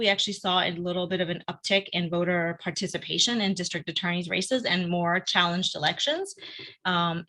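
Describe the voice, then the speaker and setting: Bright-voiced woman giving a video-call talk. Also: mid-range voice. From Argentina. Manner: upbeat and conversational, frequent "um"s. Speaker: guest speaker, advocacy field director. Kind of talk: informal presentation on a video call.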